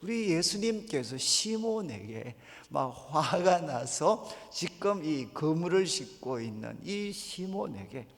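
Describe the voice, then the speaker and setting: A man's voice: fairly high pitch, very animated, takes it slowly, few pauses, long reverb tail. A man preaching at a revival meeting, putting questions to the congregation as he goes. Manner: addresses the congregation with rhetorical questions. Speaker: pastor. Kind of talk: revival sermon. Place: church sanctuary.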